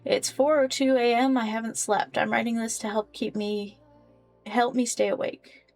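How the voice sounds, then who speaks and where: A woman playing a story game, reading the dialogue and journal entries aloud in an expressive, casual way. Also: on the high side, moderate pace, gravelly, faint music behind. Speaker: game player voicing characters.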